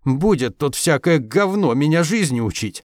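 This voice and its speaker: Man voicing a gruff barking father. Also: on the high side, animated, moderate pace, a little mellow, dry recording, clean studio sound, voice pushed up, close to an everyday voice. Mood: angry. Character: gruff hot-tempered working-class father.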